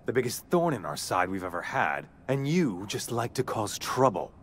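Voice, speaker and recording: Stern general in a game, low voice, swings up and down a lot, sneery. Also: male voice, big pitch swings, normal speed, a little hiss or hum. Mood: scornful. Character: stern, scornful male military general. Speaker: game character. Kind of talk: video game dialogue.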